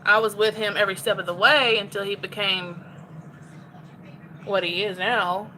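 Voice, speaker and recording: A woman's voice: mid-range voice, steady tone, moderate pace, pushed and bright, slight background noise, low-quality recording. A woman chatting candidly to her phone while cooking in her home kitchen. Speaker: cooking vlogger. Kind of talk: casual chat while cooking.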